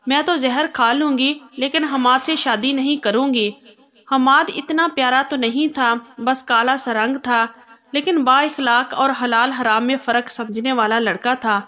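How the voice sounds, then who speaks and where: A woman's voice: high-pitched, steady tone, sharp tone. A woman voicing an angry young woman who refuses a marriage, speaking sharply and defiantly. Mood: resentful.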